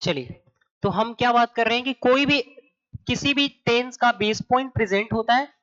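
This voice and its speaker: A man's voice: very high-pitched, lively intonation, fairly bright tone. A man teaching, repeating points. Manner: asks rhetorical questions and repeats points, often adding "है ना"; reads English examples slowly and deliberately. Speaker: coaching teacher. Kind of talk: exam-prep grammar lesson. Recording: dull lo-fi recording.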